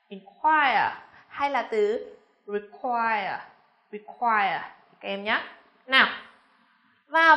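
A woman with a Vietnamese accent teaching pronunciation patiently, repeating example words slowly and asking her students questions. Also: high-pitched, sharp tone, reverberant. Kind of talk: classroom-style pronunciation lesson.

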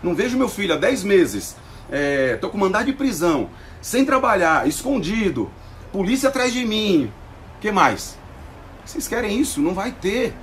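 A man's voice: sits high, slight background noise. A man speaking in a casual, defiant vlog rant, slangy and combative. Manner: fast, animated, slangy and combative. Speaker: vlogger reacting to a TV report.

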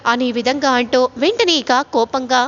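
High-voiced woman retelling a serial. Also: moderate pace, a bit bright. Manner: retells scenes with quoted dialogue, rising pitch in emotional lines. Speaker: serial recap narrator. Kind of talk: storytelling recap of a TV serial, voicing all characters. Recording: slightly dull audio with faint noise.

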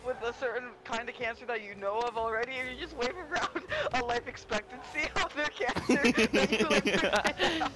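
A young man joking casually with gamer friends in a halting, giggly, sweary way. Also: extremely high pitch, rough recording.

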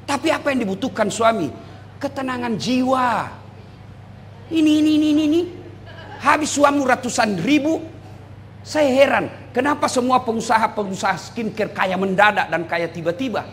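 A middle-aged male preacher from South Sulawesi with a Makassarese Indonesian accent, delivering a humorous sermon. His voice sits high for a man and he teases the crowd, often breaking into shouts. A faint hum of room noise lies under his speech. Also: moderate pace. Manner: animated, teasing, rising to shouts. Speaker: Islamic preacher.

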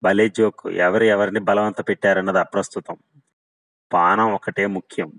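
A man's voice: on the low side, flat delivery, moderate pace, a bit bright, natural voice, rough recording. A man voicing a boastful, flippant young man who talks with swagger. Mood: boasting. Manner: swaggering, teasing.

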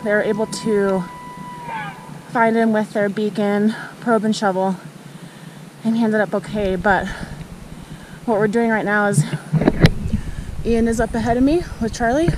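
A woman's voice: medium pitch, steady tone, measured pace, long pauses, noisy background. A woman vlogging outdoors on a snowy backcountry trail, upbeat and chatty, out of breath. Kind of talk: casual outdoor vlog talk. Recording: loud music bed over the voice.

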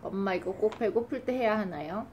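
A woman's voice: medium pitch, a little fast, darkish tone, lightly acted. A woman voicing her hungry, impatient baby's thoughts, pleading politely with its mother in a whiny tone. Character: hungry impatient baby, politely complaining to mom. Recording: noisy home recording.

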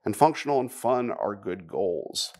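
A man giving a live technical conference talk, conversational, with wry asides and quick questions to the audience. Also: fairly low pitch, expressive. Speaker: conference speaker.

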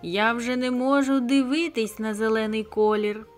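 A woman's voice: fairly high pitch, moderate pace, soft background music, lightly acted. A woman doing vain, chirpy little frogs. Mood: boastful.

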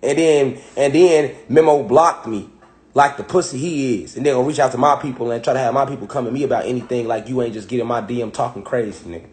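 A man's voice: mid-range voice, fairly even intonation, quick pace, darkish tone. A man in his thirties giving confrontational reaction commentary, calling out a rapper directly in heavy street slang. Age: 30s. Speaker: commentator reacting to rap songs.

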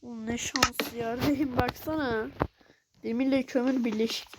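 A woman with a stuffy nose giving chatty, excitable let's play commentary as she plays, swearing playfully. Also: a little high, moderate pace. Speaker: gaming channel host. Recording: loud background noise.

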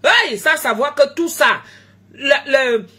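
A tired woman chatting live to her followers, animated, jumping between loud exclamations and low murmurs and joking in broken English. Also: slow. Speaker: food seller live-streaming on social media. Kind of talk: casual live chat to followers.

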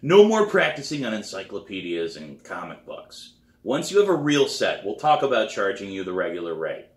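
A man's voice: fairly low pitch, wildly swooping pitch, normal speed, reverberant. A man voicing a stern, no-nonsense male drum teacher who talks bluntly and firmly. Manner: blunt, firm, demanding.

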